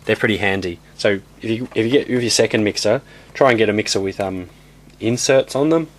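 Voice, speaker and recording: A man giving a casual, rambling walkthrough of his home studio gear, blunt and offhand, with many ums and restarts, his voice going hoarse. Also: fairly low pitch, a little fast. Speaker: home studio tutorial host.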